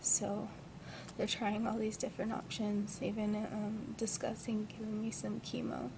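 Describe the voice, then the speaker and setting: A woman's voice: mid-range voice, monotone, measured pace. A twenty-year-old woman talking in a groggy, subdued manner to a device mic, in a casual personal vlog from a hospital bed. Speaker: vlogger. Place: lying in a hospital bed indoors. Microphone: built-in device mic at close range. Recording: noisy amateur webcam audio.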